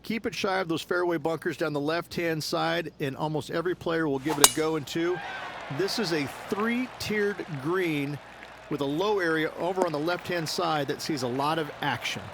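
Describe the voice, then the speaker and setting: A man's voice: a little high, moderate pace, gravelly, a crowd in the background, noisy background. A man giving analytical golf commentary, explaining how the course should be played.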